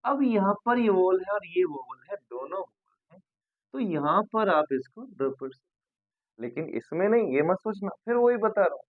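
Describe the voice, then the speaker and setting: A man teaching an English grammar lesson. He goes patiently, repeats sounds slowly and keeps checking that his students follow. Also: sits high, expressive, no echo, phone-quality sound.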